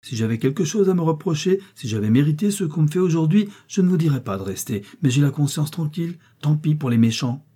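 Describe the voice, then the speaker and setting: A man's voice: a little high, expressive, a little slow, hardly any pauses, warm tone, husky, pitched above the performer's own voice. A man reading an audiobook, voicing a strong-willed young farm wife who speaks firmly and commands her household. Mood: indignant. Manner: firm, commanding.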